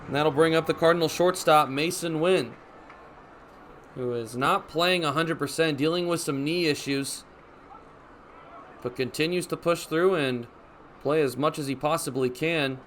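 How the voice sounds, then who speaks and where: With a slightly high, fairly bright tone, a man in his twenties delivers radio play-by-play for baseball. He describes things in a measured way, rising on the action. Ambient background noise comes through on a clear recording.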